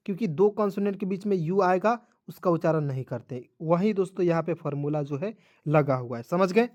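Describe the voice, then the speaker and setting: High-voiced man teaching pronunciation. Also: darkish tone. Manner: repetitive, drilling, addresses viewers as friends. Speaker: English teacher. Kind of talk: video lesson explaining spelling and pronunciation.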